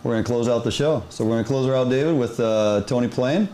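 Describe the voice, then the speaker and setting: A man's voice: medium pitch, fast, mellow, a little hiss or hum. Easygoing man talk show host. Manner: upbeat, easygoing, affirming. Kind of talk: casual talk show chat.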